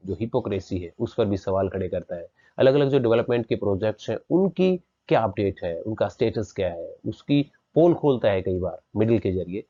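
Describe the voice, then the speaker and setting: A man teaching an online lesson to students in a measured, explanatory way. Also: on the low side, warm tone. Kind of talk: online lecture. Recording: dull lo-fi recording.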